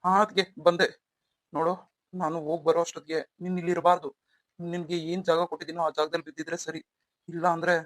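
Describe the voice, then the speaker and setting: A woman voicing a young husband who is protective toward his wife and quick to anger at a rival, in a melodramatic audio story. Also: lowish voice, flat delivery, no echo, natural voice. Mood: angry.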